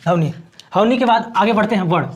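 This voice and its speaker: A man's voice: high voice, fairly quick, slight background noise. A man teaching a grammar lesson at a board, asking questions and answering them himself and repeating each definition.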